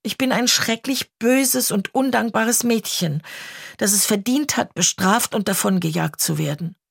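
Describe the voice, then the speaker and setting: A woman's voice: medium pitch, unhurried, vocal fry, husky, no room sound, clean studio sound. A woman reading an audiobook, voicing a chatty, dramatic orphan girl in a trembling, gushing way. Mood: pleading.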